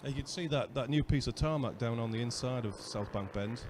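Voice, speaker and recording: A man's voice: mid-range voice, fairly quick, noisy background. A man with a British accent doing live race commentary, chatty and asking his co-commentator questions. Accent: British English.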